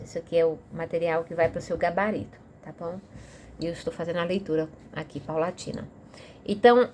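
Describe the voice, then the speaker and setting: A woman's voice: mid-range voice, darkish tone. Chatty Brazilian woman explaining a reading method. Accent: Brazilian Portuguese. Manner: chatty, frequent tag questions, talks straight to the listener. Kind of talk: casual explanatory lesson.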